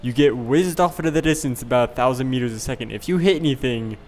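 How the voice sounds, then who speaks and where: A man's voice: medium pitch, fast talker, darkish tone, slight background noise. A young man hosting a game session, rambling easily through stories about his in-game mishaps and laughing along. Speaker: channel host and player. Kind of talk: casual gameplay chat.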